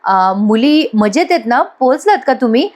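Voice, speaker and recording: Lady voicing a sweet young wife in a tv soap, warm coaxing tone, a bit higher. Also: very animated, normal speed. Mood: gentle. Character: kind young pregnant wife, gentle hostess.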